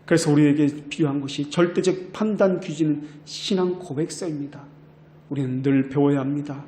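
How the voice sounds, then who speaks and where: Guy preaching a sermon, kinda high voice, echoey church room. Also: fairly quick, warm tone. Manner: earnest exhortation, quotes people in a mocking voice. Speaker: pastor.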